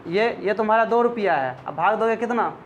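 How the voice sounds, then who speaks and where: Guy teaching maths in class, high voice, keeps asking the kids questions, muffled lo-fi sound. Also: expressive, fairly quick, slight background noise. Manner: explains step by step, asks students questions often.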